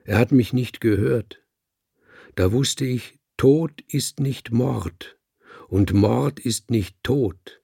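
A man's voice: medium pitch, gravelly, warm tone, husky, dry recording, studio quality, heavily acted. A man reading an audiobook and voicing a male cat who preaches to other cats in a sonorous, solemn manner. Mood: grave. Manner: sonorous, slow and grave like a sermon.

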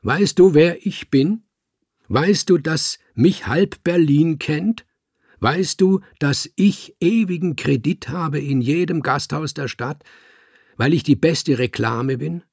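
Brief: boastful tipsy poet-judge, gruff and blustering, a man reading him, creaky, slow. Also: low-pitched, sing-song, no echo, studio quality, full character voice. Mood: bragging loudly. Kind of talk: audiobook character voice.

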